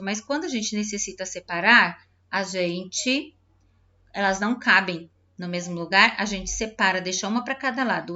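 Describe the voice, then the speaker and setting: A woman teacher patiently explaining a textbook lesson to young pupils, slowly sounding out syllables and talking directly to the children. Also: fairly high pitch, pushed and bright, lo-fi sound. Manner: spells out syllables slowly, clapping out words. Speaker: primary school teacher.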